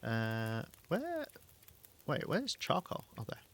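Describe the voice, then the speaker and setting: A man's voice: mid-range voice, wildly swooping pitch, slow, noisy background. A man with a Southern English accent chatting casually with his chat while streaming a game, talking freely and laughing often. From England.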